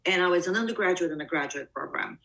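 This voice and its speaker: Lower-pitched woman from bulgaria, guest on a podcast, thinks out loud, lots of restarts. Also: lively intonation, quick pace, poor audio. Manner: reflective, talks in restarts and asides. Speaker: production designer guest. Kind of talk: casual interview conversation.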